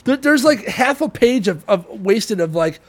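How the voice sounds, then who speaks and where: A man with a notably high voice tears into a script in casual chat. He swears constantly, mocks it with animated outbursts, and stumbles over quick restarts.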